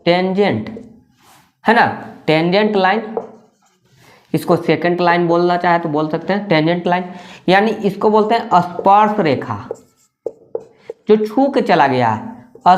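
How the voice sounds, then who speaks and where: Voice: medium pitch, slow, long pauses. A maths teacher explaining in a classroom style, repeating key terms, asking rhetorical questions and checking in with short tag questions.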